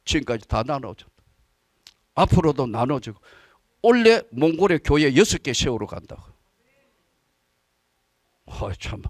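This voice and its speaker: A male pastor giving an evening sermon at a church service, retelling a story in an animated, dramatic way. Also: high-pitched, dry recording, studio quality.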